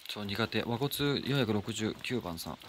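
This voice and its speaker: A man live-streaming outdoors at night in the rain, chatting casually, thanking and answering viewer comments, and breaking into soft high squeals. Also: expressive, a little slow, a little hiss or hum.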